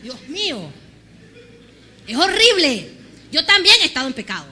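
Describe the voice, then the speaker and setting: A woman pastor preaching an animated sermon, acting out conversations and having the congregation repeat after her. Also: sits high, normal speed. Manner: animated storytelling, acts out dialogue with God.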